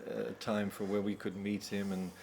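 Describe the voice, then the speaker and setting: A male musician guest telling stories in a casual interview, halting often with fillers. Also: lowish voice, level tone, gravelly, darkish tone, a little hiss or hum. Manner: halting, storytelling with many fillers.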